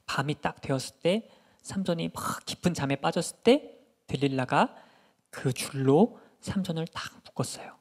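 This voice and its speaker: A man, a children's pastor, telling a Bible story in a lively sermon and asking the children questions. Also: a little high. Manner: animated, asks children questions.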